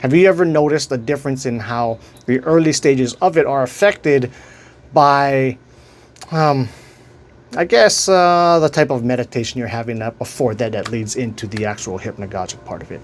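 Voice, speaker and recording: A man's voice: medium pitch, moderate pace. A man with a Hawaiian accent hosting his own channel, chatting casually to camera and often searching for words. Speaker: channel host. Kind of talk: casual vlog talk.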